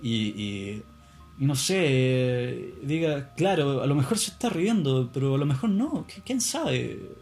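A man's voice: mid-range voice, sing-song, measured pace, a little mellow, faint music behind. A man in a casual monologue, rambling and musing with plenty of swearing.

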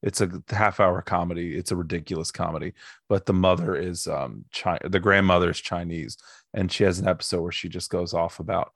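A man co-hosting a podcast in casual chat, telling stories in an animated, joking way. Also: low-pitched, a little fast, gravelly, dry recording, clean studio sound. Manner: animated, jokey storyteller. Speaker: podcast co-host.

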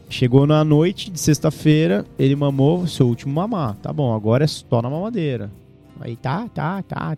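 A Brazilian man talking casually as a podcast guest, telling animated, slangy stories. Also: medium pitch, vocal fry. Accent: Brazilian Portuguese. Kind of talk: casual chat.

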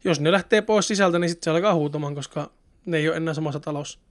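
A man in casual conversation, talking in a rambling, chatty way with many fillers. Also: on the high side. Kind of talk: casual chat.

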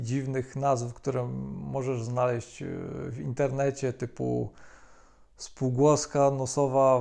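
A man calmly explaining a language topic as a video lesson, with frequent hesitation fillers. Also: mid-range voice, creaky. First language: Polish. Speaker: language teacher.

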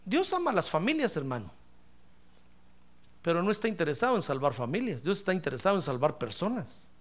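A man's voice: sits high, very animated, fairly quick. A man preaching a sermon in church, emphatic and ironic, often calling his listener brother. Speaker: pastor.

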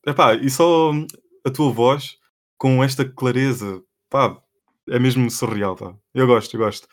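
Relaxed young Portuguese podcast man. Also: mid-range voice, unhurried. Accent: European Portuguese. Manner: relaxed, rambling, many fillers like pá and epá. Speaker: podcast co-host. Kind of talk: casual podcast chat.

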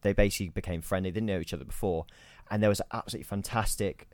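Young man, very deep voice, dry sound, enthusiastic, halting. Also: fairly even intonation, dry recording. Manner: enthusiastic, hesitant, repeats himself. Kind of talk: casual chat.

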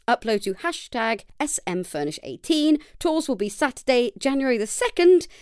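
A woman hosts a casual solo podcast late at night, reading listener challenges in a chatty, self-deprecating way and sounding a little tired. Her voice is mid-range with a darkish, clean tone, and the studio sound is clean with no room sound.

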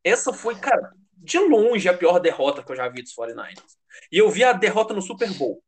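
A man with a high-pitched voice and a Brazilian Portuguese accent talks sports casually and heatedly. He is slangy and emphatic, swears freely and repeats phrases to drive his point home. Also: very animated, a little fast, slightly rough. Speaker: American football fan commentator.

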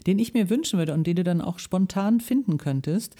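Woman guest reader in a radio studio, warm mellow voice, lively children's-book storytelling. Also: fairly quick. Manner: lively storytelling with shifting pitch. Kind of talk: live reading of a children's book, then chat.

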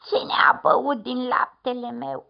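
A woman voicing a middle-sized storybook bear who complains slowly and loudly, in a dull lo-fi recording. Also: fairly high pitch, very animated, gravelly, voice pushed up. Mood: complaining. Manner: slow, loud, somewhat thinner voice.

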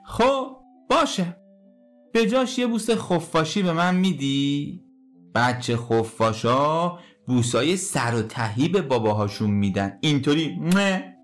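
Kind storybook papa bear, a lady doing him low, soft coaxing and playful. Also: lively intonation, soft background music.

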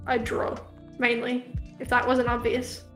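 A fairly bright, high-leaning voice comes from this podcast guest, a young woman from South Africa who speaks with an Australian accent. She is monotone and a little slow, rambling and giggling with many fillers in casual chat, in an echoey room with faint music.

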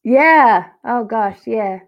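A woman's voice: a little high, expressive, extremely slow, dull audio. A woman in her thirties with a New Zealand accent, chatting upbeat as an interview guest. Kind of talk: casual interview chat.

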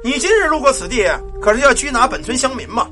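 A man's voice: very high-pitched, animated, fast, over music. A man voicing a frightened old squire who stammers and trembles as he talks. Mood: anxious.

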